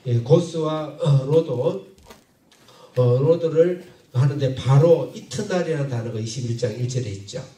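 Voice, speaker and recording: A pastor preaching in a mellow, dark voice, halting and circling back over his phrases as he prompts the congregation. He is heard from some distance in an echoey hall. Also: medium pitch. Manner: halting, repeats phrases, asks the congregation questions. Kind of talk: sermon with Bible reading.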